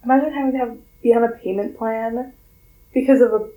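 A woman's voice: a little high, steady tone, fairly quick, narrow, tinny audio. A woman in her twenties co-hosting a podcast in casual chat, laughing often. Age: 20s. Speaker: podcast co-host. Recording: roomy echo.

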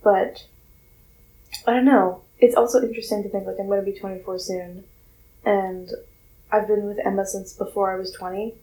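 A woman's voice: mid-range voice, fairly even intonation, moderate pace, pauses often, warm tone. A woman in her twenties co-hosting a podcast in casual chat, laughing often. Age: 20s. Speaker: podcast co-host. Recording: roomy echo.

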